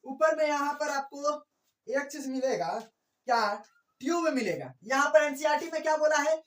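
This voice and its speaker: With an expressive, slightly high voice at normal speed, a woman teaches biology, repeating points, asking rhetorical questions and blending in English terms. It's a classroom lecture captured in an echoey room, the mic set some distance away, giving a roomy, distant sound.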